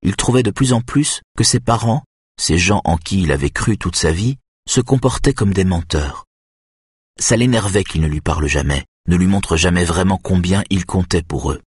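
A man narrating an audiobook in a steady, measured reading. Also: sits low, slightly rough, dry recording, studio quality.

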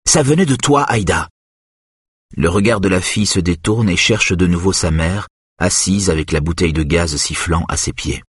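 A man narrates an audiobook with a steady, even delivery. His voice is low and very husky, and the recording is close and dry with no room around it. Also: moderate pace, few pauses, no room sound.

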